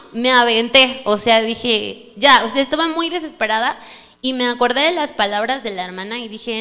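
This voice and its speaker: A woman with a Mexican Spanish accent preaches at a church service, telling her testimony in a lively way and calling the listeners brother. Her voice sits a little high and sounds bright and forceful. It rings out in a reverberant hall, with a low mains hum underneath. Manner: animated storytelling, addresses listeners as brother. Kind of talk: sermon testimony.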